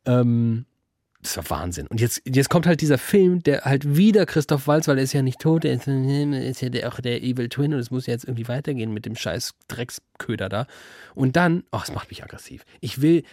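A man's voice: mid-range voice, dry recording, clean studio sound. A man co-hosting a podcast, ranting in casual chat. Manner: ranting, animated. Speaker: podcast co-host. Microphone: studio mic.

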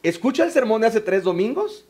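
A man voicing a preachy church counselor who brushes people off with quick prayers. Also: sits high, very animated, darkish tone, voice pushed up. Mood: dismissive.

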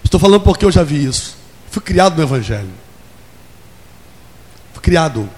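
High-voiced preacher in a reverberant hall. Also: male voice, big pitch swings, normal speed, a little mellow. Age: 40s. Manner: call-and-response preaching, acting out scenes in quoted voices. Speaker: pastor. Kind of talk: sermon. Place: church hall.

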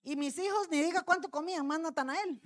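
A woman's voice: extremely high pitch, brisk. A middle-aged woman, a pastor's wife, telling a testimony in a sermon and addressing the congregation as brothers.

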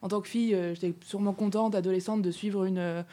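A woman's voice: mid-range voice, steady tone, fast talker, warm tone. A woman in a casual discussion, talking hesitantly and searching for her words.

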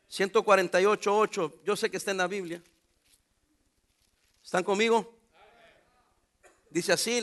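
A man preaching a sermon as pastor, joking and calling out to the congregation. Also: sits high. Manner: animated preaching with jokes and calls to the congregation.

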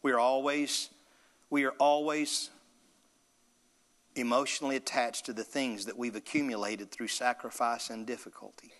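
A man's voice: medium pitch, steady tone, moderate pace, fairly bright tone, big-room sound. A male pastor delivering an emphatic sermon with call-and-response to the congregation.

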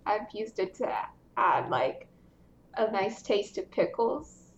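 A woman's voice: medium pitch, sing-song, slow pace, echoey room, highs cut off, a little hiss or hum. A woman appearing as a podcast guest and speaking in an easygoing way. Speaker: guest, biologist. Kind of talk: casual chat.

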